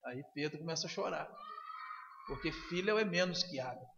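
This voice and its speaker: High-voiced preacher in an echoey church. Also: male voice, moderate pace, creaky, noisy background. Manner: dramatic storytelling, acting out quoted dialogue with big swings in loudness; asks the congregation for agreement with frequent "né?". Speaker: pastor. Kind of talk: sermon. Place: church sanctuary. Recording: muffled recording in an echoey hall.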